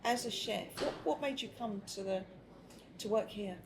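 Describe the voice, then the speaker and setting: In a busy restaurant full of crowd chatter, a woman hosts a casual interview, chatty, easily sidetracked, and laughing often. Her medium-pitched voice has vocal fry and a moderate pace, with background noise throughout.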